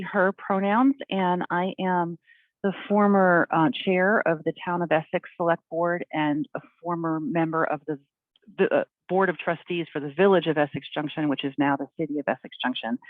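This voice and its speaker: A woman introducing herself on a video call as a former board chair, measured with some fillers. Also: low voice, dry recording. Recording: tinny phone-like call audio.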